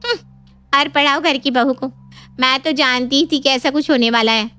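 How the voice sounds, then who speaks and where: A sarcastic young woman in a cartoon family who taunts and gloats, as a woman plays her. The voice is very high, bright and sharp. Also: normal speed, soft background music. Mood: taunting.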